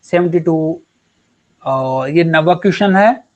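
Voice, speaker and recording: A man's voice: a little high, takes it slowly, darkish tone, muffled recording. A man teaching chemistry in a casual online class, chatty and encouraging with his students. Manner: chatty and encouraging, calls students beta and yaar.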